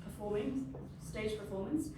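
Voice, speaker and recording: Speaking at a measured pace with a medium-pitched voice, this Welsh woman of middle age, whose first language is Welsh, gives an informal, friendly presentation on an industry panel. She isn't working from a script. The room echoes heavily, the microphone is far off, and ambient noise can be heard.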